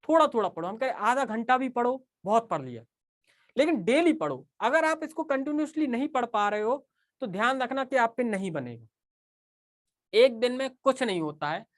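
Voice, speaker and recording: Chatty male teacher ending a class. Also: high voice. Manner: chatty, repeats "okay" often and speaks straight to students. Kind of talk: casual live online class.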